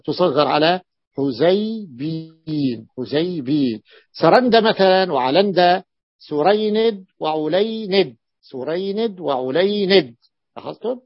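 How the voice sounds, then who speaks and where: A man's voice: a little high, gravelly, dry recording. A man, a sheikh teaching a class, who explains patiently, repeats his examples and often checks whether students follow. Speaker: sheikh teaching Arabic morphology. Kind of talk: classroom lecture. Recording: dull lo-fi dry lecture recording.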